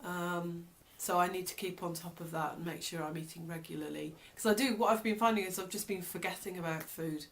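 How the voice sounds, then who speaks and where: A British woman speaks in a slightly low voice, as in a casual personal vlog. She is reflective and hesitant, pausing and rephrasing as she thinks aloud. There is faint noise behind her. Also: fairly even intonation. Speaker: vlogger. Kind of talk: casual personal video diary.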